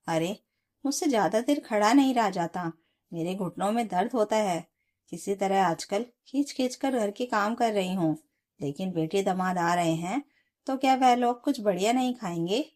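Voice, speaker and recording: Field-by-field: Figure: stern, scolding mother-in-law, played by a woman. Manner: sharp, nagging, sarcastic. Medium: storybook narration. Pitch: mid-range. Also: expressive, moderate pace, natural voice.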